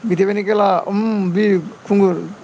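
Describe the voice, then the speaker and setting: A man's voice: sits high, steady tone, moderate pace, gravelly, a little mellow, a little hiss or hum. A man chatting casually on a livestream, reading out viewer comments and pleading for comments and friend requests. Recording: dull lo-fi sound.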